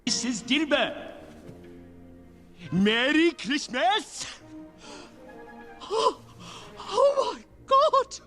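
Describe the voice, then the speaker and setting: An actor playing a giddy, reformed old miser who cackles and giggles breathlessly in a film. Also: male voice, high voice, wildly swooping pitch, a little slow, fairly bright tone, faint music behind, exaggerated voice. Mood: elated. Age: older. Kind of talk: film acting. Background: film score.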